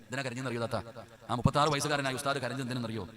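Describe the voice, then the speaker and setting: Male preacher, rapid impassioned sermon, slightly raised voice, live audience audible. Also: medium pitch, steady tone. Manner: impassioned, pleading, addresses listeners directly as brothers and sisters. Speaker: Islamic preacher. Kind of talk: emotional sermon to a live gathering. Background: crowd of listeners.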